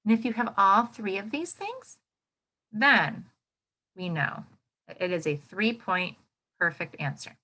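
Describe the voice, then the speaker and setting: An elementary school teacher, a woman with a mid-range, bright, forceful voice and lively intonation, leads an interactive read-aloud lesson for young children. She speaks with exaggerated expressiveness and encourages them, asking questions and pausing for their answers.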